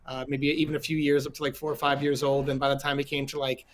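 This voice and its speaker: Stammering New podcast host. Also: male voice, medium pitch, fast, slight background noise. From Staten Island. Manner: stammering restarts, lively. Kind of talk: casual chat.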